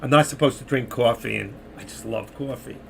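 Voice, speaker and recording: A middle-aged man moderates a trading live stream, rambling casually and chatting to viewers in the chat while his voice is going. He speaks fairly quickly at a medium pitch with a creaky quality, over a little hiss or hum.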